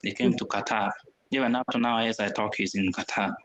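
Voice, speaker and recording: A man's voice: lowish voice, steady tone, brisk, a bit bright. A young man from Uganda, talking as a guest over a video call from a veranda, hesitant and often restarting. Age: young adult. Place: veranda outdoors.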